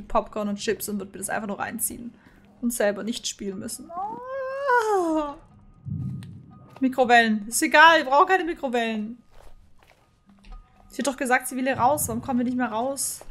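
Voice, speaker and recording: A fairly high-voiced woman streams a horror game live, nervous and jumpy, chatting to her viewers between scared outbursts. Soft game music plays faintly behind her desk mic. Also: expressive, moderate pace, long pauses. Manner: jittery, talks to chat, frightened outbursts.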